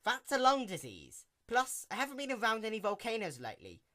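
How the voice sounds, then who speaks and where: A narrator doing a naive storybook pony mare. She is puzzled and quizzical, with a voice lifted high and bending up and down. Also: huge pitch swings, fairly quick, fairly bright tone.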